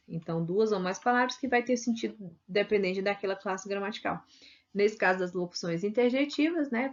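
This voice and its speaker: A Brazilian woman teaching a relaxed online video lesson in a medium voice. She talks in a chatty way and keeps checking in with her students with a quick "né?". The sound is dull and lo-fi, as from a basic computer mic. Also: mid-range voice. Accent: Brazilian Portuguese. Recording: dull lo-fi recording.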